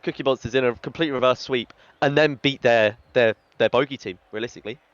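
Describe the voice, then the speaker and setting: A man's voice: mid-range voice, brisk, dry recording, dull audio. Chatty male esports caster, dry sound. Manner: chatty, reads out team chats, hype lines. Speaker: esports commentator. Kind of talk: casual esports commentary.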